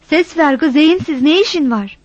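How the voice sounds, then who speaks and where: Brief: woman reader as a stern older village woman, sharp and scolding, high voice, muffled close recording. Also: expressive, normal speed, dry recording. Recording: dull dry recording.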